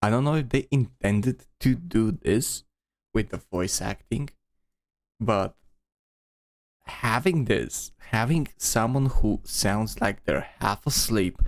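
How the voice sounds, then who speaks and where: Slow-talking man rambling on a stream. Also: lowish voice. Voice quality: rambling, repeats words and restarts, laughs often. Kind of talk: casual livestream commentary.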